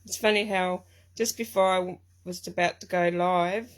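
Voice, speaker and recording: Live from her craft room, a croaky-voiced, middle-aged woman from Tasmania, Australia, hosts a craft stream, chatting loosely and rambling with lots of ums. Her voice is fairly low and steady, at a normal speed.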